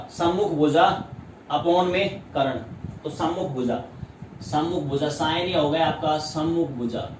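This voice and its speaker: A man with a Hindi accent teaches maths in a slightly high voice, asking rhetorical questions and repeating each term. He is heard from far off in an echoey room, with faint room hum behind him. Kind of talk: classroom lesson.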